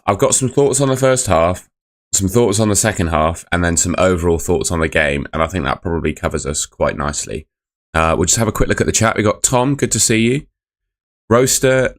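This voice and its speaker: A young man with a deep voice hosts a laid-back live football review for a fan channel. He's croaky from shouting the night before and chats loosely, drifting around as he reads the chat's messages.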